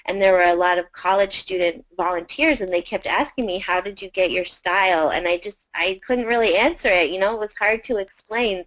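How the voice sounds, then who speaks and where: A woman's voice: on the low side, a bit bright, poor audio. A woman presenting a collection of arts education videos to teachers, in a conversational way with frequent fillers.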